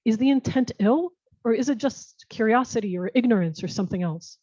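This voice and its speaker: She's an American guest answering panel Q&A questions conversationally, thoughtful and sincere, with many restarted phrases. Her voice sits on the high side, expressive and fairly quick with a dark tone, in a dry but muffled, dull recording.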